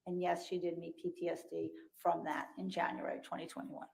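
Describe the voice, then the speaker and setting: A woman giving expert testimony as a psychologist, explaining in measured, clinical terms, heard through a courtroom recording. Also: fairly low pitch, completely flat delivery, creaky, darkish tone, slight background noise. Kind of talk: courtroom testimony under questioning.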